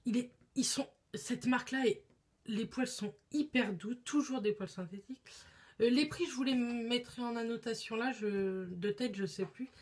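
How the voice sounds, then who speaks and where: A woman's voice: a little high, normal speed, darkish tone. A young woman talking casually as a beauty vlogger, chatty and hesitant, with many fillers and restarts. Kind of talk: casual chat.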